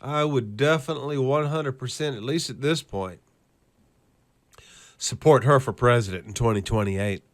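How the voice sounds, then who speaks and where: A man with a medium-pitched voice, speaking at a moderate pace, hosts a video about current events. He rants sarcastically and scornfully over clips, swearing freely, and reads lists with a steady beat.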